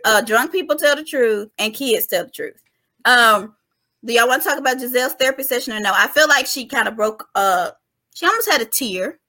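A woman's voice: a little high, lively intonation, a little fast, pushed and bright. A woman co-hosting a podcast in casual chat, emphatic and chatty, calling listeners "y'all.". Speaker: podcast co-host.

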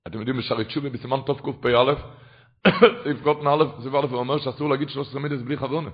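A man's voice: mid-range voice, steady tone. A man, a rabbi, giving an impassioned Torah lecture that rises at times into chanting. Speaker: rabbi teaching a class. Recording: dull lo-fi recording.

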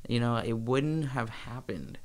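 A man's voice: medium pitch, measured pace. A young man who works as staff at an addiction treatment center, talking frankly and profanely in casual conversation. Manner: frank, profane, animated storytelling.

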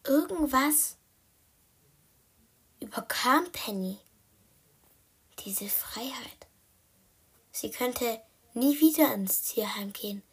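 A woman telling an improvised children's story in a soft, partly whispered way, with hesitations. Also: a little high, expressive, slow, pauses often, slightly rough.

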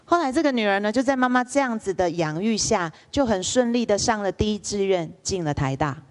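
A woman's voice: mid-range voice, brisk. A woman lecturer, telling stories in a public lecture and asking the audience questions. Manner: lively storyteller, asks the audience rhetorical questions.

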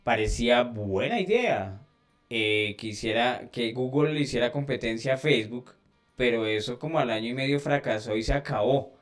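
A man co-hosting a podcast, joking in a relaxed way with some stammered restarts. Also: mid-range voice, normal speed, faint music behind. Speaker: podcast co-host. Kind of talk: casual podcast banter.

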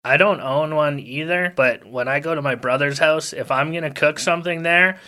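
Nasal, bright-voiced male co-host. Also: on the high side, normal speed. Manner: laughs often, easygoing. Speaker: podcast co-host. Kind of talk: casual chat.

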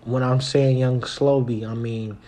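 A man's voice: mid-range voice, steady tone, a little slow, warm tone. A man hosting a casual podcast, talking in a laid-back, slangy way and often asking "you know what I'm saying". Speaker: podcast host.

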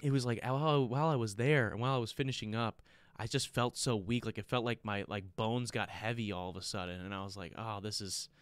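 American podcast guy rambling to listeners, kinda low voice, sounds stuffed up like he's sick, dry room. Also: fairly bright tone, clean tone, no echo. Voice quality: congested, stuffy-nosed. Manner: rambling, conversational, repeats himself. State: sick with a blocked nose. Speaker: solo podcast host. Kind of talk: casual chat to listeners.

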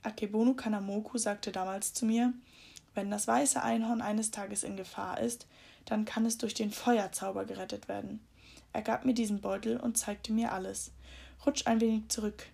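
A woman voicing a calm, secretive middle-aged man who speaks solemnly. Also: medium pitch, normal speed, vocal fry, husky.

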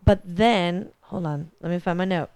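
A woman whose hoarse, strained voice is giving out, chatting casually as a podcast co-host and acting out what people say. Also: lowish voice, moderate pace, darkish tone, dry recording. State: voice giving out, hoarse from losing it all week. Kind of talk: casual science chat.

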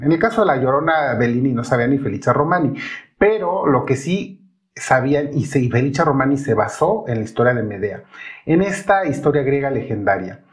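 A man hosting a podcast, telling an opera plot in an explanatory storytelling way, with rising emphasis on connecting words. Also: mid-range voice.

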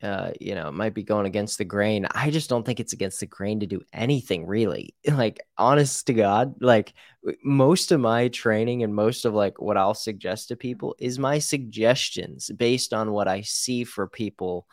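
American male show host, lowish pitch, casual rambling interview chat, very dry recording. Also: moderate pace, no room sound. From United States. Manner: informal, rambling, acts out example quotes.

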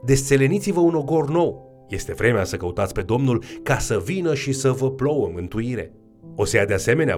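A man's voice: mid-range voice, darkish tone. A man giving a scripted Bible lesson, reading scripture with added emphasis. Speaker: Bible teacher.

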